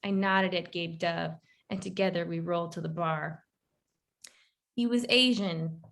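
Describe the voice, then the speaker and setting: A woman author reading her own short story aloud in a measured, wry first-person narration. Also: on the low side, fairly even intonation, gravelly, fairly bright tone.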